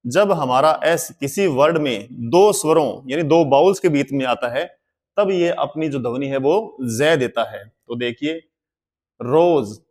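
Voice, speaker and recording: A man teaching in a slow, deliberate classroom manner. He spells words out letter by letter and explains each sound step by step. His voice sits a little higher than most men's. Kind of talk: classroom-style language lesson.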